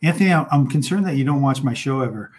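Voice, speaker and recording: A man's voice: mid-range voice, fast talker, darkish tone. A man hosting an interview show, chatting enthusiastically and casually, with lots of fillers and restarts. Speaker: podcast host.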